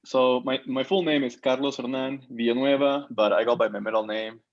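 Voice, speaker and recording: On a lo-fi video call, a Peruvian man in his thirties introduces himself as a board member at a meeting. His mid-range voice holds a steady tone and moves briskly, though his remarks are packed with fillers and restarts.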